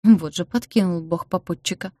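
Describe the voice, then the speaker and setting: A woman's voice: lowish voice, moderate pace, no room sound, studio quality, close to an everyday voice. Woman playing a snappy, sarcastic young woman. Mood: sharp. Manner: sharp, sarcastic.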